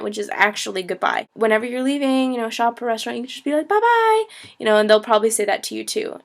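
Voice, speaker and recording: Young woman, casual video lesson, chatty, laughing, fairly high voice. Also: a bit bright. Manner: chatty, laughing, with many ums and likes. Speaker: language teacher and travel blogger.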